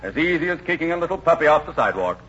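An actor playing a pompous, self-important mayor in a 1940s radio comedy. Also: male voice, on the high side, sing-song, racing, fairly bright tone, a little hiss or hum. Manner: pompous, speechifying. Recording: dull vintage radio broadcast.

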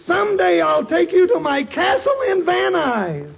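Slangy boastful prince charming, croaky cracked voice, old radio sound with audience. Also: male voice, very high voice, big pitch swings, unhurried, over a noisy crowd, full character voice. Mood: doting, boastful. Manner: folksy, blustering baby talk and slang. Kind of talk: 1930s radio comedy acting. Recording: muffled old radio recording, audience noise.

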